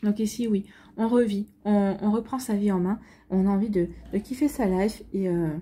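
A woman's voice: mid-range voice, fairly even intonation, moderate pace, mellow. A woman with a French accent giving a casual weekly tarot reading, chatty, with many fillers and slangy asides. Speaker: tarot reader.

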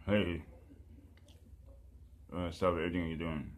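Male preacher, deep and monotone, halting repetitive prayer style, lots of fillers.

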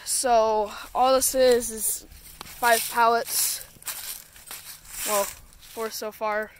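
A woman's voice: on the high side, extremely slow, a little hiss or hum. A woman narrating a casual farm vlog outdoors, explaining her projects as she works, recorded on a handheld phone. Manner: relaxed, explains while working. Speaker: vlogger.

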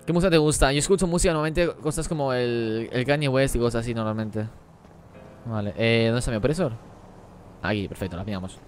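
A man streaming a game live, talking rapidly as he reads and answers the chat. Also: medium pitch, faint music behind. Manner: rapid-fire talk while reading chat. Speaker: gaming streamer.

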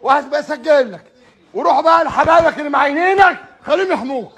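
An enraged man in a heated argument over the phone, shouting threats and repeating himself, on a recorded call. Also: very high voice, fast talker, slight background noise.

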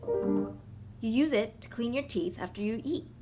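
A woman voicing a young boy who follows the rules and bluffs quick-wittedly to save his sister, in a storybook reading. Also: fairly high pitch, voice pushed up, lightly acted. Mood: scolding. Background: loud guitar music.

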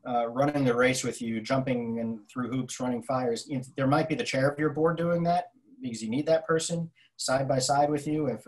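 A man's voice: mid-range voice, low-quality recording. A man in his forties giving a conference keynote over a video call from his home office, thoughtful, with many fillers and restarts. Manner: gestures with his hands while talking. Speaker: keynote speaker. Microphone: laptop webcam on a video call.

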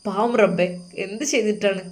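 A woman's voice: medium pitch, steady tone, normal speed, close to an everyday voice. A woman with a Malabar Malayalam accent voicing a loyal young male friend who talks bluntly and pleads. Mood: firm, pitying.

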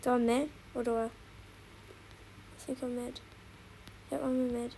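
A woman giving casual, excitable commentary while streaming a game, repeating herself and talking to her chat. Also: fairly high pitch, unhurried, vocal fry, a little hiss or hum, rough recording.

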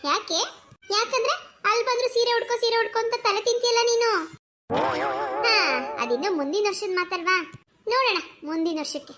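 Woman doing a chatty high old granny. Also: a little fast, over a noisy crowd. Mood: cheerful. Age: older. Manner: warm, soothing, preachy, lively. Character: kindly talkative old grandmother. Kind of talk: cartoon voice acting.

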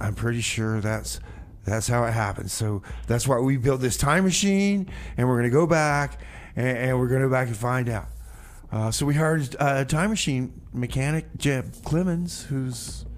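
A man hosts a community radio music show from a radio studio, rambling and stammering through his stories and repeating himself. His voice is medium-pitched, creaky and darkish, with slight background noise.

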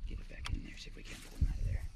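A young man filming himself while fishing from a kayak on a pond, chatting casually, talking to the fish and whooping with excitement when one bites. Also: racing. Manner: laid-back, folksy, talks to the fish. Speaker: angler filming his own fishing trip. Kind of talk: casual outdoor commentary. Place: outdoors on a pond, standing in a kayak. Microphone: action camera on the boat. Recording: distant camera mic with wind and water noise.

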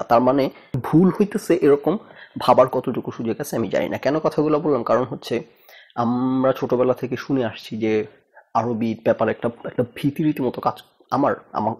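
A man's voice: mid-range voice, vocal fry, darkish tone, husky. A man from Bangladesh hosting a casual talk show, thinking aloud with rhetorical questions and slipping English phrases into his talk. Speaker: host.

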